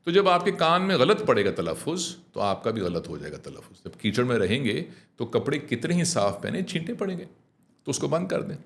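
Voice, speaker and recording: A middle-aged man, a communication trainer, coaching a host in clear speech in an animated, conversational way, often slowing down to demonstrate. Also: medium pitch. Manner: animated, mixing English phrases, demonstrating slow clear diction.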